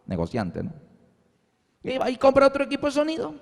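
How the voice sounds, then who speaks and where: A man's voice: extremely high pitch, wildly swooping pitch, a little fast, creaky. A man preaching a sermon, telling the story with animation and acting out the voices of the people in it. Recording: long hall reverb.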